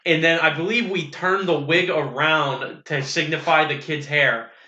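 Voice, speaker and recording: A young man with a slightly high, bright and sharp voice tells a story in animated, quick bursts. He sounds like he is in an echoey room, and the recording is dull and lo-fi. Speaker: podcast co-host. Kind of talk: casual chat.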